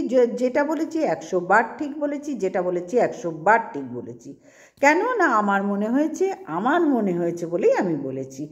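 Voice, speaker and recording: A woman's voice: a little high, a little mellow. A woman talking straight to her viewers in an opinion vlog, stressing her points by repeating them. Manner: emphatic, repeats herself for stress. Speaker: vlogger. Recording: dull lo-fi sound.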